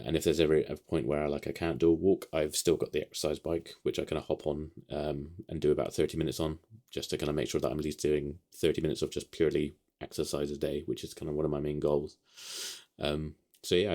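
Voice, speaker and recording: A man's voice: rumbling low, a little mellow. A man from the United Kingdom rambling casually through a vlog update from his home office, with lots of ums and restarts. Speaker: vlogger.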